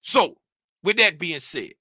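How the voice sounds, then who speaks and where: A man's voice: high voice, expressive, slow, sharp tone, breathy edge, no room sound, clean studio sound. A worked-up man hosting a trading channel, ranting animatedly to his viewers in a casual way. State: worked up and sweating.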